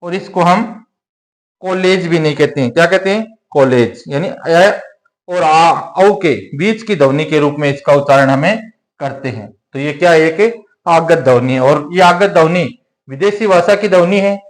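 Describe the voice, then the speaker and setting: A man's voice: fairly high pitch, normal speed. A man teaching a Hindi grammar lesson, often asking his own questions and then answering them, with plenty of repetition. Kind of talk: classroom-style lesson.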